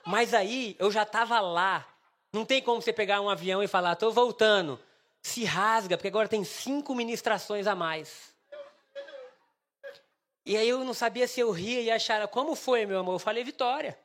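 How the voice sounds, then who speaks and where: A young man preaching, telling a funny personal story with lively acted dialogue. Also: high-pitched, moderate pace. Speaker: pastor. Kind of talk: sermon with storytelling.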